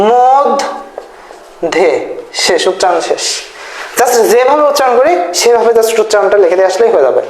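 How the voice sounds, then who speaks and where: High-voiced tutor in an echoey room. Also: male voice, a little hiss or hum. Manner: repetitive, checks in with "thik ache?"; spells words out slowly syllable by syllable. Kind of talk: exam-prep lesson.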